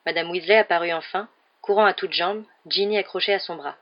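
A woman's voice: lowish voice, fairly quick, highs cut off. Woman reading a French audiobook. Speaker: audiobook narrator. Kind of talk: audiobook narration.

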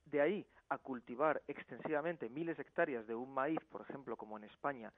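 A man's voice: mid-range voice, brisk, no echo. Firm man on a tinny phone line. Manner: firm, argumentative. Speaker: campaign spokesman. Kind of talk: phone interview.

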